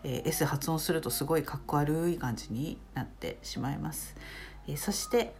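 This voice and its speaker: A woman who teaches English, giving a spoken pronunciation lesson with many filler pauses. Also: low voice, a little mellow.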